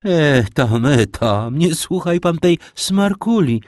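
A haughty, dismissive old marchioness of an audiobook scolds in a raised, lively voice, performed by a male narrator. She sounds grand and impatient. The recording is dry and close. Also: fairly high pitch, slow pace, no room sound, voice pushed up. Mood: scolding. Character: haughty aristocratic older woman, the marchioness.

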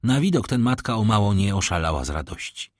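Low husky guy reading an audiobook, lively up and down delivery, dry close sound. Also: brisk, no room sound. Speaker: audiobook reader. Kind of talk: scripted narration of a classic novel.

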